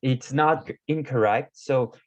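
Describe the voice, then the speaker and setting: A man who isn't a native Korean speaker explains Korean grammar in a casual video lesson, hesitating often with fillers and self-corrections. His mid-range voice is a little hoarse and slow-paced, captured in a dull, dry lo-fi recording.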